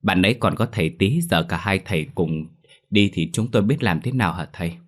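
A man's voice: low-pitched, lively intonation, a little fast. A man voicing an anxious male servant who pleads with worry, in a spoken ghost story. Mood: worried. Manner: pleading, worried.

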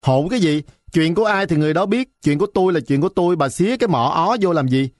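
Brief: man doing a defiant, hot-tempered boy, high, fast, dry close mic. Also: dry recording, close to an everyday voice. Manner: defiant, mocking.

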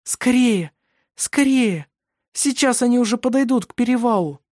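A woman's voice: fairly high pitch, normal speed, darkish tone, no room sound, clean studio sound, natural voice. A woman voicing Shira, a frightened pleading young woman. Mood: urgent. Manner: anxious, pleading, breathless exclamations. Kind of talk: audiobook character reading.

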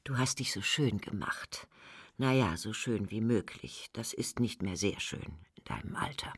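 A sly, taunting voice that needles an aging listener. It is husky and gravelly, with lively, swooping pitch, and it slips into soft whispers. The sound is close and dry, as in a radio play. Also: female voice, measured pace, no echo, full character voice. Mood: mocking. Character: taunting voice that mocks an aging woman. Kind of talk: literary radio drama.

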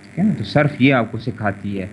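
Over a lo-fi internet voice chat with a little faint noise, a man with a Pakistani Urdu accent leads an online grammar lecture on Arabic morphology. His mid-range voice is expressive as he repeats words and drills conjugations over and over.

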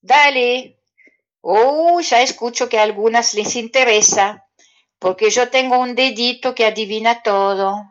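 A woman with a French accent talking gently and playfully to children on a community radio show, offering French lessons. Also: fairly high pitch, a little slow. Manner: gentle, playful, addresses listeners directly. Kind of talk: friendly radio talk to children. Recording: dull lo-fi radio audio.

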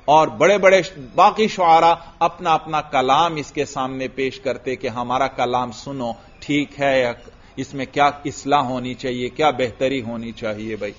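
A man giving a classroom lecture on Arabic grammar as a religious teacher, chanting verses slowly and putting questions to his students. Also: mid-range voice, steady tone. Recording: dull lo-fi lecture recording.

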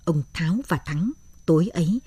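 Brief: measured woman narrator for a late-night story, low-pitched and breathy. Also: warm tone, no room sound.

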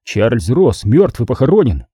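A man's voice: medium pitch, sing-song, a little slow, mellow, breathy edge, no room sound, studio quality. A man voicing a cynical male gangster with a blunt, sardonic way of talking.

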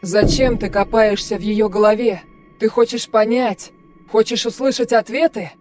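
A woman voicing a cold, commanding dead spirit that has possessed a girl, speaking slowly and imperiously. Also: a little high, steady tone, darkish tone, faint music behind, close to an everyday voice. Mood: cold menace. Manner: imperious, icy, slow.

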